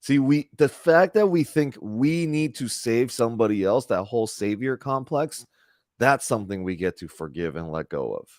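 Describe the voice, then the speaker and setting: A man's voice: medium pitch, lively intonation, normal speed, a little mellow, no echo. A man in his thirties leads a casual spiritual talk over a video call. He is earnest and chatty and restarts his sentences as he thinks aloud. His voice sits in the middle range and sounds dry and close to the mic. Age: 30s. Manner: earnest, chatty, with frequent self-corrections. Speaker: spiritual group host.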